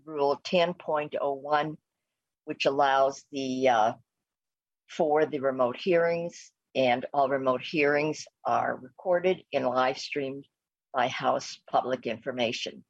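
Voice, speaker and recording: An American woman chairing a remote meeting, speaking formally and procedurally with a halting, hesitant delivery. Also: extremely low pitch, dry recording. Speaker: committee chair. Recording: muffled lo-fi remote meeting audio.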